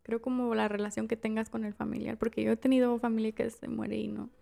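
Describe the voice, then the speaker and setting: A woman with a Chicano accent speaks in a relaxed conversational way, slipping between Spanish and English. Her voice sits a little high and has a lot of vocal fry. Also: quick pace. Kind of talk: casual chat, switching between Spanish and English.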